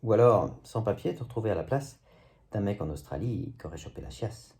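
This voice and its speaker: Man in his thirties with a lowish voice, reads his own comic poem at home, deadpan and self-mocking. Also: fairly quick. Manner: self-mocking, jokey asides between verses. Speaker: amateur poet reciting his own poem. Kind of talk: casual home video poetry reading. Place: at home, indoors.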